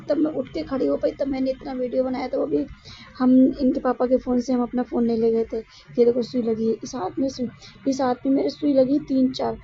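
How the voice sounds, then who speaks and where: Weary high-voiced woman vlogging while unwell. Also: creaky, dark tone, lo-fi sound. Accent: Lucknow Hindi. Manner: rambling, repeats herself, tired and weak. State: unwell, weak and in pain. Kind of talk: casual vlog talk to viewers.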